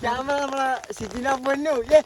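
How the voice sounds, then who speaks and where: A man's voice: very high voice, fairly even intonation, normal speed. A man vlogging casually to his viewers from a rainy hilltop outdoors, exclaiming often as he talks into a handheld phone. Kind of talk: casual travel vlog commentary to viewers. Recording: outdoor noise of rain and wind.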